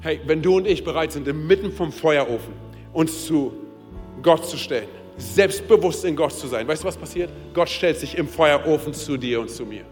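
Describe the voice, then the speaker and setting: Casting note: a man, pastor at a service, lively preaching, slightly high voice, hall reverb with faint music under it. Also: moderate pace. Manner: casual, direct, keeps saying hey and oder; builds to loud, high-pitched urgency. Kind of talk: sermon. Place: church service.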